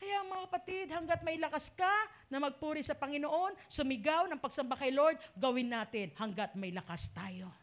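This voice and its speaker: A woman's voice: sits high, normal speed, hardly any pauses. A woman pastor with a Filipino accent preaching a sermon, dramatic and acting out the cries of the lost. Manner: dramatic, acts out voices of the lost.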